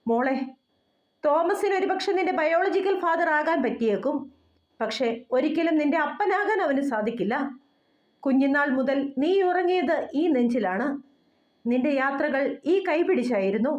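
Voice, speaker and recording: A woman's voice: high voice, animated, moderate pace. Woman reading as a tearful loving father. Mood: tender. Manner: pleading, tender. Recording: roomy, dull lo-fi.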